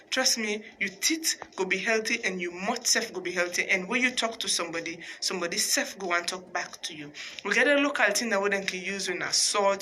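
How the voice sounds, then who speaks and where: Bright-voiced Sierra Leone Creole woman host. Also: medium pitch, slight background noise. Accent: Sierra Leonean Krio. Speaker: radio talk show host. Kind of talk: conversational radio presenting in Sierra Leone Creole (Krio) mixed with English.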